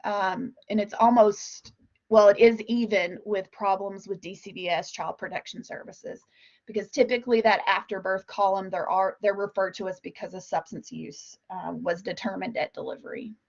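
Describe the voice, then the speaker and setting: A woman's voice: mid-range voice, fairly even intonation, normal speed, gravelly, darkish tone. Woman presenting slides, muffled audio. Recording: dull, lo-fi online meeting audio.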